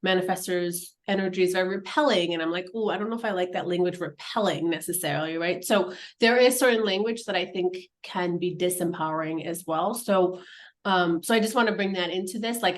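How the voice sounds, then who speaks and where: A woman from Nepal, a podcast guest, talking in an earnest, reflective way with many casual fillers. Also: fairly low pitch. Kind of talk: casual conversational interview.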